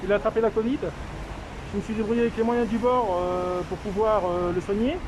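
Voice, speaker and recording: A man speaking through a face mask, slightly muffled, giving an informal, halting video update with drawn-out hesitations. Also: high-pitched, fairly even intonation. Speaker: street medic caring for a homeless man. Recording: noisy outdoor street with traffic.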